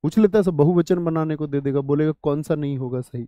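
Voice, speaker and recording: Quizzing students in an online exam-prep lesson, a dry-voiced male Hindi teacher answers his own questions and repeats the answers, familiarly addressing them as "bhai sahab" and "dost". He speaks fairly quickly at a fairly high pitch; the recording is dry and the highs are cut off.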